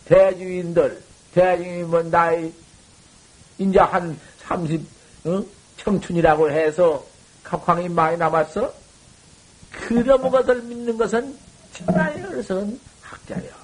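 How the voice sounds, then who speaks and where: High-pitched monk exhorting in a dharma talk. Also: male voice, steady tone, unhurried, slightly rough, poor audio. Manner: exhorting, swinging from loud outbursts to low murmurs; folksy colloquial speech. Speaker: Buddhist monk teaching.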